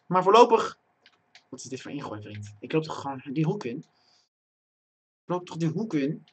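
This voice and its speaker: Excitable young man narrating his match. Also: fairly high pitch, normal speed, slightly rough. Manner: talks to himself and chat, bursts into loud excited shouting at chances. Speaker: gaming streamer. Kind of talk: live gameplay commentary. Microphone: desk microphone.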